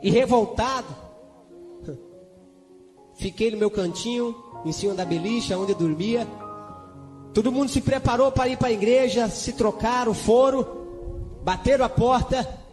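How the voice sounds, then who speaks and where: A Brazilian man with a very high voice preaches a testimony in church. He tells it fervently and emotionally, breaking into hallelujahs and speaking in tongues. His voice rings with a long hall reverb, and soft music plays underneath. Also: moderate pace, pauses often. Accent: Brazilian Portuguese.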